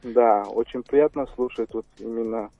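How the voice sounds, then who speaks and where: A man's voice: mid-range voice, fairly even intonation, normal speed, music in the background. A man calling in to a radio show while driving, speaking politely and a little hesitantly. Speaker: caller. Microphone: phone. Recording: dull phone-line call.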